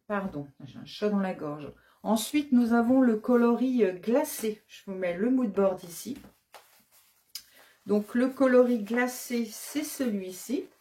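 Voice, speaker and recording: Her voice is medium-pitched and mellow as this yarn shop owner casually walks the camera through her new colorways. She lists the shades one by one, full of hesitant fillers, in an easygoing product show-and-tell.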